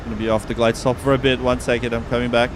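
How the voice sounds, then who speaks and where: A man with a mid-pitched voice talks casually as a streaming pilot, giving a running commentary on what he does. A clear engine-like hum sits behind his voice. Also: little pitch movement, racing. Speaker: live-stream host playing airline pilot.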